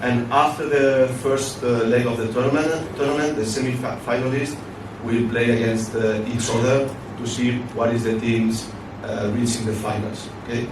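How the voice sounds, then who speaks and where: A football league representative gives an event speech in a hotel function room, halting through it with many fillers and restarts. His voice is medium in pitch with fairly even intonation. Captured from far off in an echoey hall, the recording is noisy.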